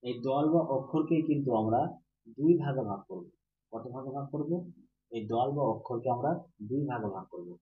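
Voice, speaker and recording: A man's voice: medium pitch, expressive, moderate pace. A teacher who keeps quizzing his class. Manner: asks questions and answers them himself, repeating key terms. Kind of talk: Bengali grammar lesson for students. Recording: roomy, dull, with faint hum.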